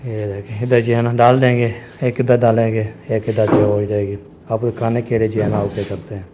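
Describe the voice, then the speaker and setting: A man's voice: fairly low pitch, little pitch movement, normal speed, heavy background noise. A man vlogging casually to camera on his phone while walking outdoors in hot village fields, rambling and repeating filler phrases. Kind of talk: casual family vlog to camera. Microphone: phone camera held while walking.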